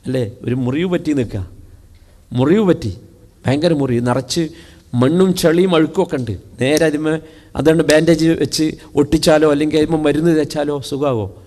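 A man preaching a sermon. He asks rhetorical questions and answers them himself, swinging from soft to shouted. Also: on the high side, normal speed. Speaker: Islamic preacher. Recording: long hall reverb.

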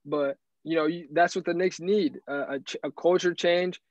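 Man with a somewhat high voice, lo-fi recording. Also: moderate pace, no room sound. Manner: animated, rambling with restarts. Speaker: guest analyst. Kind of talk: casual sports talk. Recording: dry, dull lo-fi sound.

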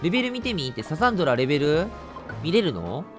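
Animated Kansai-accented gamer man. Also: fairly high pitch, fast, soft background music. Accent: Kansai Japanese. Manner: joking, exaggerated indignation, lively reactions. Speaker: game streamer. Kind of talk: let's play commentary.

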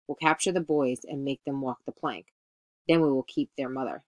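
A woman's voice: very deep voice, normal speed, a little mellow, dry recording. A woman reading the lines of a vain adult male pirate captain, commanding and gloomy in turn. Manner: commanding, then melancholy.

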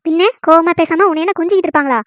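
A woman's voice: very high voice, no room sound. A woman voicing a short-tempered mother-in-law in a cartoon comedy, scolding and indignant. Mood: angry scolding. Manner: scolding, indignant, fast-talking when angry.

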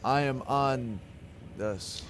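A man chatting with friends while gaming, crude and jokey, shouting at the action on screen. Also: medium pitch, extremely slow. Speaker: gamer in voice chat. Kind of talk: casual gaming banter. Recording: game noise underneath.

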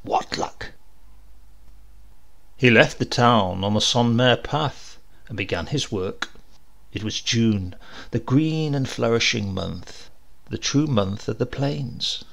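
This is a man narrating an audiobook of a literary short story, expressive and measured throughout. A creaky quality colors his medium-pitched voice.

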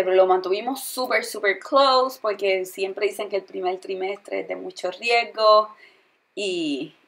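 A young woman chatting casually through a storytime vlog, retelling things in an animated way with lots of fillers. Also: medium pitch, vocal fry. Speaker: vlogger.

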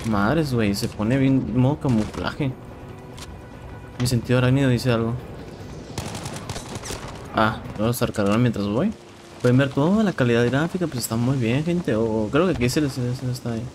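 A young man with a Mexican accent giving casual, excitable commentary while playing a shooter game, swearing and repeating words. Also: medium pitch, moderate pace, pauses often. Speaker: gameplay streamer. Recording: game sounds and noise in background.

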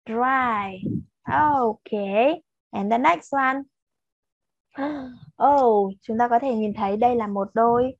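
A woman's voice: a little high, vocal fry, dry recording, dull audio. A woman with a Vietnamese accent teaching English to children, patiently mixing Vietnamese explanations with repeated English drill words. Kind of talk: slow lesson with repeated pronunciation drills.

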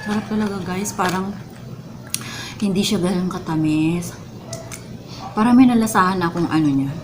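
A woman's voice: fairly low pitch, unhurried, background noise. A Filipino woman vlogger doing a casual mukbang, talking to viewers in a chatty way as she eats and savours her food. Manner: talks while eating and savouring food; chatty, addresses viewers directly. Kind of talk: casual mukbang eating vlog, tasting sweets.

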